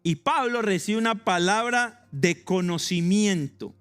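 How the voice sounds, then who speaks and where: A man with a Colombian accent, preaching a sermon in a lively, joking way and acting out stories. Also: high-pitched, unhurried, clear, resonant tone, soft background music. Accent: Colombian Spanish. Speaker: pastor.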